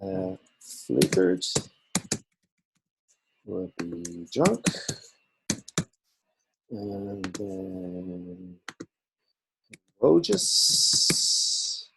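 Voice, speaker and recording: A man teaching in a relaxed, informal way, walking through a screen-recorded software tutorial. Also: low-pitched, extremely slow, vocal fry, long pauses, background noise. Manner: relaxed, informal explaining while clicking.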